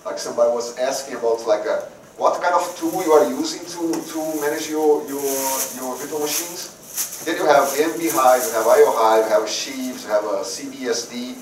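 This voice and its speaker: A man from Brazil, giving a technical conference talk in a halting way, often repeating words before going on. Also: mid-range voice. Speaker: conference speaker. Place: conference room. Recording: roomy hall, voice from a distance, faint noise.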